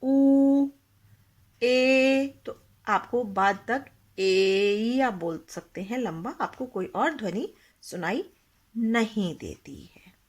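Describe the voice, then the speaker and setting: This woman teaches young kids a Hindi grammar lesson slowly and expressively, her mid-range voice carrying a husky quality. She explains with patience, poses questions to the class, and blends English terms into her Hindi.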